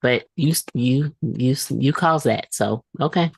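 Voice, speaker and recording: A woman co-hosting a relaxed podcast chat. Her voice is notably low for a woman and sounds dry and close. She mostly chimes in with short remarks and agreement. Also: takes it slowly, vocal fry, slightly rough, dry recording. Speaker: podcast co-host. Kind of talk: casual chat.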